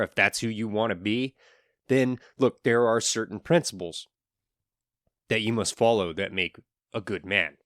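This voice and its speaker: A fairly low-pitched man speaks in an earnest, lecturing solo podcast monologue. He adds wry asides along the way. The sound is dry and close-miked, with no room around it. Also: a bit bright, no echo. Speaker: podcast host.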